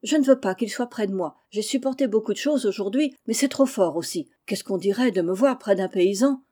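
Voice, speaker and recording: A woman's voice: mid-range voice, fairly quick, warm tone, natural voice. A woman reading aloud voices a proud, disdainful young girl who talks in a haughty, petulant way. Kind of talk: audiobook character reading.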